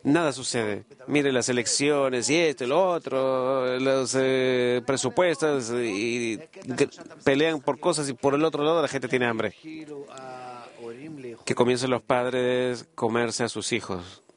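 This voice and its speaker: A man giving a Spanish voice-over of a conversation, earnest and halting, with many pauses and fillers. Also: medium pitch.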